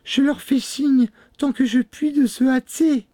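Storybook figure: a young sister on watch voiced by a man, high falsetto, calling out, dry sound. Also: steady tone, measured pace, warm tone, dry recording. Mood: anxious. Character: young woman, anxious sister keeping watch. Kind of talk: storybook reading.

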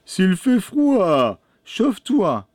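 A man's voice: high voice, wildly swooping pitch, extremely slow, darkish tone, dry recording, studio quality, voice pushed up, exaggerated voice. A man voicing a clever, bold youngest brother who speaks firmly and defiantly in a storybook reading. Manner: firm, defiant. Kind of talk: storybook read-aloud.

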